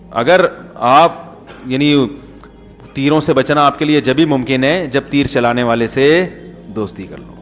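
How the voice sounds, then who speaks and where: A middle-aged man with a Pakistani Urdu accent giving a conversational sermon, telling jokey anecdotes and acting out the dialogue. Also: medium pitch. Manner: jokey storytelling, acts out dialogue. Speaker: Islamic preacher. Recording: long hall reverb.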